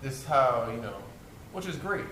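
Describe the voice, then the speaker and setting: A man with a mid-range, expressive voice, pushed and bright, talks at a normal speed as he hosts a casual jiu-jitsu podcast. He chats loosely in a laid-back way, then walks through a technique step by step, dropping fillers like "you know." The room is echoey and has background noise.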